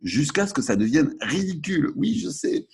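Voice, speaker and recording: A man's voice: on the high side, very animated, moderate pace, vocal fry, a little mellow, slightly rough. A man coaching the listener in a tutorial, talking directly and expressively in a familiar tone. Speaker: life coach.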